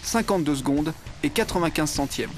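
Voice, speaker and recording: A man, a reporter, giving scripted sports news narration in an even, informative way. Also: on the high side, a little fast. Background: music.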